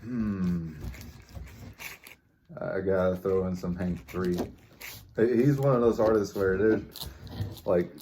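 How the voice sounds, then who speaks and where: A man's voice: deep voice, takes it slowly, long pauses, warm tone, slight background noise. A man chatting casually with a friend, a little hesitant as he thinks aloud. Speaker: guest on a friend's food vlog. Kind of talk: casual chat about favorite music.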